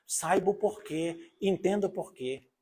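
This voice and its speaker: An older pastor, a man, gives an informal live sermon in a husky, slightly raised voice. He talks to the congregation directly and keeps turning to them with rhetorical questions. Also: high voice, a little slow, mellow. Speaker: pastor leading a Bible study.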